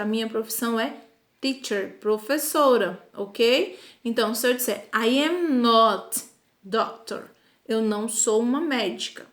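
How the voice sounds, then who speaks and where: A woman teaching a children's English lesson, talking patiently and deliberately, often checking with "tá?" and slowing down to pronounce English examples. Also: fairly high pitch, roomy sound. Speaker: primary school English teacher.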